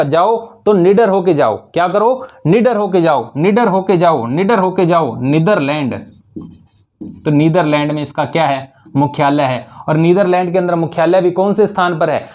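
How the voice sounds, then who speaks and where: In a high, slightly mellow voice, a male teacher delivers exam-prep material through memory tricks. Questions he poses get answered by him, and he repeats key words to emphasize them.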